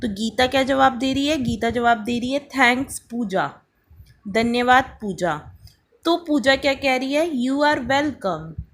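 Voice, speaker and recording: A woman's voice: high voice, a little slow. A woman teaching a beginner English lesson in Hindi, spelling words out letter by letter and prompting learners to repeat after her.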